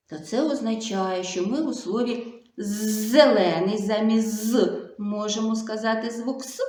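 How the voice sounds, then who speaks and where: A woman speech therapist giving a video lesson to young children, slow and coaxing, full of sing-song diminutives. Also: medium pitch, warm tone. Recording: echoey room.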